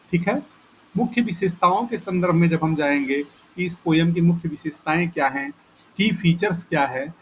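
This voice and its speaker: A man's voice: a little high, slight background noise, poor audio. A male teacher giving a lecture, explaining patiently and repeating key points with frequent check-ins. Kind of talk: classroom lecture.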